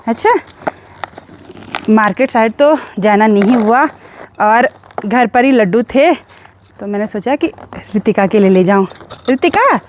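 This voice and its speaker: A woman's voice: mid-range voice, unhurried, a little mellow, a little hiss or hum. Young woman from the hills, chatty and teasing, phone vlog outside. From Uttarakhand, India. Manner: chatty and cheerful, teasing with neighbours. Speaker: vlogger. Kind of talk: casual vlog narration and chat. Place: outdoors in a hill village.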